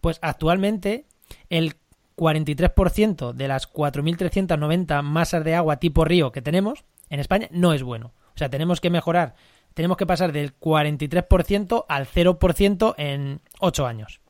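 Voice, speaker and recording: A man from La Mancha, hosting a podcast and explaining news in casual chat with quick restarts. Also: a little high, a little mellow, no echo, clean studio sound. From La Mancha, Spain. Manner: fast, enthusiastic explaining with restarts. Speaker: podcast host.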